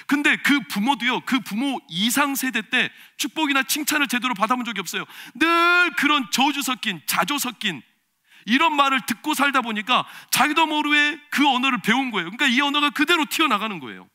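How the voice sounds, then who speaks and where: A man preaching a sermon as pastor, swinging between loud, emphatic preaching and quiet, confiding storytelling. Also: very high voice, lively intonation, brisk. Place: church sanctuary.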